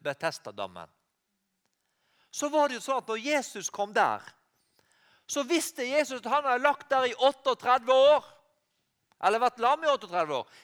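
A man with a Norwegian accent preaching a sermon, animated, rising to loud cries and often correcting himself mid-phrase. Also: high-pitched.

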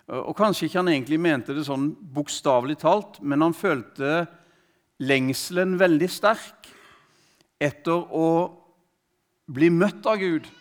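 A man preaching, telling a story in a conversational, hesitant way with many fillers and restarts, and quoting the man he speaks of. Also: a little high. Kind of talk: sermon storytelling.

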